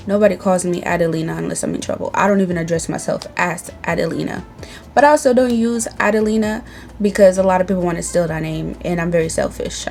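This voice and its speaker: A young Tanzanian beauty vlogger sits indoors at home, reading from a tablet as she chats casually to camera for a get-to-know-me video. She comes across bold, playful and sassy, with a lowish, gravelly voice and a darkish tone.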